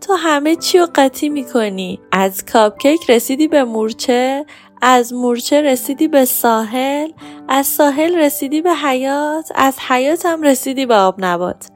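A woman's voice: sits high, expressive, soft background music, voice pushed up. Give me a woman doing a grumbling little boy. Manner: grumbling, lecturing, patient. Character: grumbling but caring young boy. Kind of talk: children's storybook voice.

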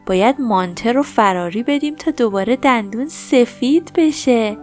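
A woman's voice: a little high, expressive, soft background music, natural voice. A woman doing a kind, cheerful lady dentist. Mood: reassuring. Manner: gentle and reassuring.

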